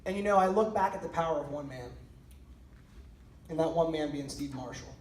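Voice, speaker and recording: A man's voice: a little high, fairly quick. Earnest man speaking in an echoey hall. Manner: earnest storytelling with frequent restarts and fillers. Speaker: ministry leader speaking at an event. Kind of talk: heartfelt speech to an audience. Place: church hall with men gathered. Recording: echoey hall, mic at a distance, faint noise.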